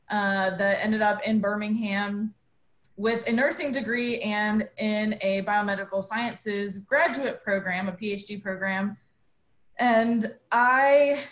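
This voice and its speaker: A woman's voice: mid-range voice, fairly bright tone. A young adult woman from New Mexico, a bar owner, telling her background in an earnest, storytelling way during an interview. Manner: earnest, storytelling, thoughtful pauses. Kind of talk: interview conversation. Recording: roomy echo.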